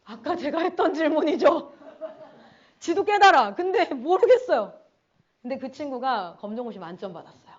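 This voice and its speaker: 생동감 있게 간증하는 여성 선교사, 높은 목소리. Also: female voice, high voice, normal speed, dull audio. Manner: animated storytelling, acts out students' voices. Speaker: missionary speaker. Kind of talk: conference sermon testimony.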